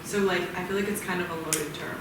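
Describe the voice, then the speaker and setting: A woman's voice: fairly low pitch, steady tone, fast talker. A young woman student sharing her views in a casual group discussion, thoughtful and full of fillers. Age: young adult. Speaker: student participant. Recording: echoey room, distant mic, background noise.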